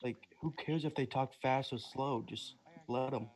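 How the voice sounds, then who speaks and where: A man's voice: mid-range voice, fairly even intonation, normal speed, a little mellow. A man with a speech impediment that turns his R's into W's, speaking bluntly and swearing casually as a caller in a group debate. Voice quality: speech impediment, can't pronounce R's, says w for r.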